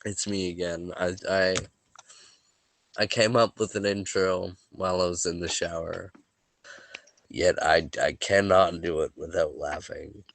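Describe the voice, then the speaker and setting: A low-pitched man with vocal fry and a fairly bright tone speaks steadily and a little slowly as a tabletop game master. Sniffly and somewhat worn from allergies, he chats casually before reading a recap of the story so far. He's easygoing and jokey, stumbling and restarting now and then.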